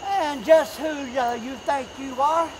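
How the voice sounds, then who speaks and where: A man's voice: extremely high pitch, takes it slowly. A man playing a cowardly, boastful Western townsman, drawling and yelping as he guides visitors through the woods. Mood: panicky. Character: blustering old Western townsman, cowardly braggart. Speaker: haunt actor. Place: outdoors at night in woods. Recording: outdoor night noise, crickets.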